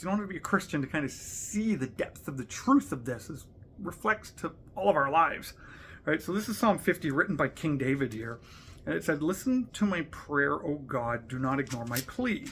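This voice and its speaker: A man's voice: on the high side, a bit bright, slight background noise. Earnest man reflecting in a vlog. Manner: earnest, conversational, frequent "like" and "right?"; reads verses aloud with emphasis. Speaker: leader sharing personal reflections. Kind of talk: casual reflective vlog talk with scripture reading.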